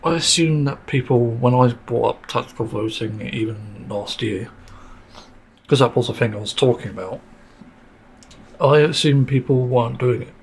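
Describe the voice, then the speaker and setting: Male podcast host, solo rant, irritated and sweary, hoarse-ish throat, light background hiss. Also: medium pitch, normal speed. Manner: frustrated, swearing, many fillers and sighs. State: sore throat, mint in mouth.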